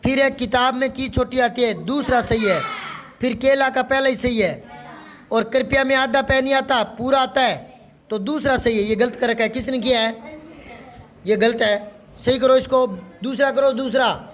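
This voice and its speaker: A man's voice: extremely high pitch, fairly even intonation, normal speed, fairly bright tone. A male teacher going through a Hindi workbook, patiently asking questions and repeating corrections. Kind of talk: classroom lesson explaining a workbook.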